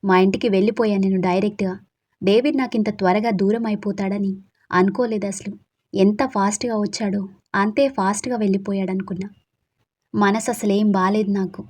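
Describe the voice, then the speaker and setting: A woman's voice: medium pitch, fairly even intonation, normal speed, darkish tone. A woman narrating a first-person audio story in a confiding, emotional way.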